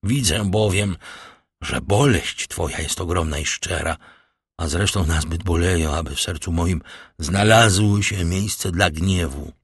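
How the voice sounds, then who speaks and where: A man's voice: sits low, a little slow, husky, no room sound, clean studio sound. A man voicing a stern, grieving middle-aged father who speaks in cold, formal commands, read in an audiobook. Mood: somber.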